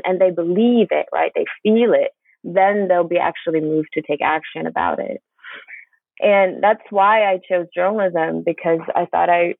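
A hesitant woman from Palestine is a guest in a conversational interview, speaking haltingly with many fillers and restarts. Her mid-range voice has vocal fry, and the sound is dry and close over a tinny, phone-like line.

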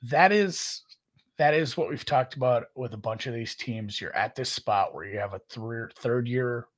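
Rambling Minnesotan man, husky voice. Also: mid-range voice, moderate pace. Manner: rambling, filler-heavy, animated. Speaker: podcast co-host. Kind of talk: casual sports chat.

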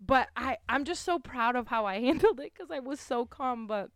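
Woman, casual podcast storytelling, animated, smooth voice, somewhat high. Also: no room sound, studio quality. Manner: animated, fast storytelling with many "like"s and acted-out quotes. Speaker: podcast co-host.

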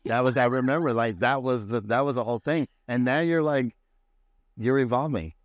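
A man hosting a podcast, chatting in a relaxed, agreeable way and reading quotes aloud. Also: medium pitch, moderate pace, no echo, muffled recording. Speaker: podcast host. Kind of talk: casual podcast conversation.

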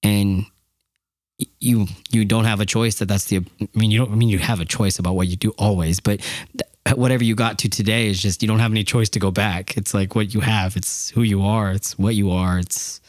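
A man's voice: on the low side, steady tone, a little fast, darkish tone, no echo, clean studio sound. A man co-hosting a podcast, talking in a candid, profane, rambling way. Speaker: podcast co-host. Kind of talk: casual chat.

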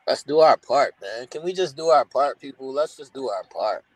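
A man's voice: mid-range voice, lively intonation, normal speed, slight background noise, low-quality recording. A man hosting a casual podcast, interjecting often and steering the debate. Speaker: podcast host.

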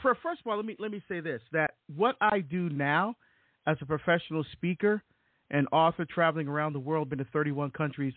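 His voice on the high side, a middle-aged Barbadian man who is a deacon and author tells his story as a guest in a laid-back interview. He leans on fillers and repeats, and the audio is dry and tinny, like a phone.

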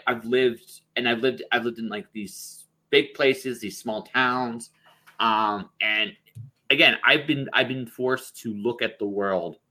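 Over a video call, a podcast host from Ontario, Canada talks casually in a fairly low, sharp-toned voice. His conversation meanders, and he keeps restarting sentences and repeating words.

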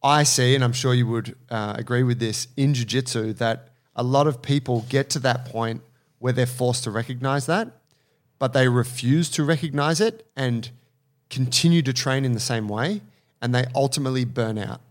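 A man co-hosting a casual podcast, animated and profane, often acting out what people think in their heads. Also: medium pitch, normal speed. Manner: swearing, animated, acts out inner voices. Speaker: podcast co-host.

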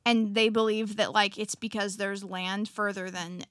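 A young woman guest on a podcast, rambling excitedly with lots of fillers. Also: medium pitch, measured pace, no echo, studio quality. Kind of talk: casual chat.

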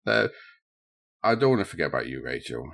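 A man hosting a true crime podcast, speaking in an earnest, deliberate, scripted narration style. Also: extremely low pitch, big pitch swings, vocal fry, fairly bright tone. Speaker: podcast host.

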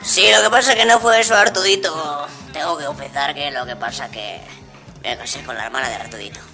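Man doing a gravelly foul-mouthed squirrel caller. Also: a little high, fast talker, music in the background, natural voice. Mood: sheepish. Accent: Spain. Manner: crude, insulting.

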